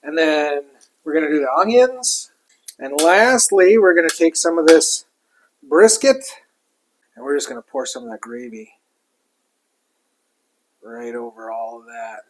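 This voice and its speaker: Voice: medium pitch, lively intonation, a little slow, pauses often, rough recording. A cook giving a casual, chatty cooking demonstration while working a griddle, with food sizzling and utensils clinking behind.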